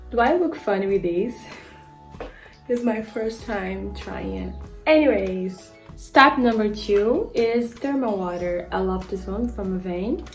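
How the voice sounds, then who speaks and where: This beauty vlogger and model, a woman in her twenties with a Brazilian accent, talks slowly and casually through her skincare routine, often saying "like" and tripping over product names. Her voice is mid-range, the audio is poor, and faint music plays behind her.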